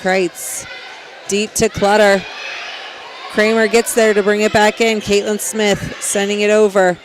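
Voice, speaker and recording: Man, high voice, volleyball play-by-play, excited calls on big plays. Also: a faint crowd, slight background noise. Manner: rapid name-calling, rising to shouts on big plays. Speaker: play-by-play announcer.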